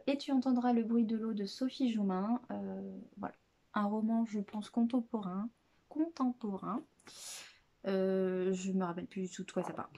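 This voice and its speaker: Brief: woman, book vlogger, mellow tone, casual and hesitant, lots of fillers, self-deprecating. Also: medium pitch. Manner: hesitant, many filler pauses and restarts. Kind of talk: casual chat presenting books.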